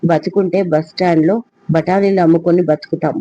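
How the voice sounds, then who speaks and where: A man's voice: a little high, fairly even intonation, fairly quick, mellow, no echo, dull audio, natural voice. A man voicing a playful young male assistant in a storybook reading. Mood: joking.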